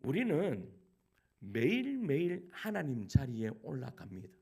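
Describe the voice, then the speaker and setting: A high-voiced pastor preaching in a church, his pitch swinging widely as he presses his congregation with question after question. His voice is gravelly and husky. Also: huge pitch swings, a little slow, dark tone. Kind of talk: sermon. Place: church sanctuary.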